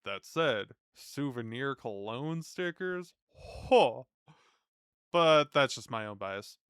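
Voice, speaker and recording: A man's voice: medium pitch, lively intonation, slow, fairly bright tone, smooth, no room sound. A man doing casual, rambling reaction commentary as a gaming streamer, informal and mildly sweary.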